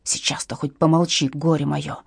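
A woman's voice: deep voice, level tone, moderate pace, creaky, breathy edge, no room sound, clean studio sound, pitched below the performer's own voice, heavily acted. A woman doing a curt, bossy lady detective writer in an audiobook. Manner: terse whispered commands.

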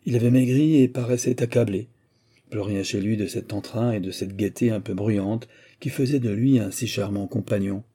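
A man narrating an audiobook in the first person, reading in a steady, measured way. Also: fairly low pitch, breathy edge.

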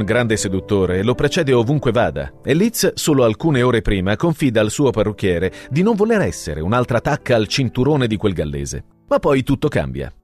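A man's voice: medium pitch, darkish tone. A man narrating a scripted radio story in a dramatic, storytelling way.

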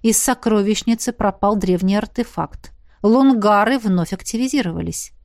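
A woman reading a calm, weary male dragon colonel with a dry, measured manner. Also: medium pitch, dry recording, natural voice. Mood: wry.

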